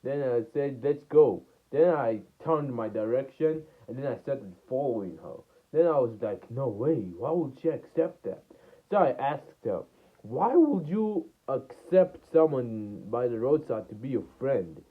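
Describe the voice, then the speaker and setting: A man's voice: mid-range voice, lively intonation, unhurried. A man casually telling a made-up storytime, rambling and repeating "and then I was like" as he goes. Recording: tinny phone-like sound.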